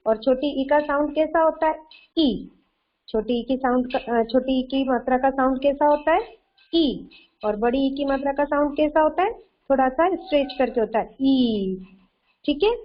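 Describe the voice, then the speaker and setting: A woman teaching a kindergarten class online, slow and patient, often repeating herself and quizzing the children. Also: high voice, dull audio. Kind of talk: online kindergarten Hindi lesson.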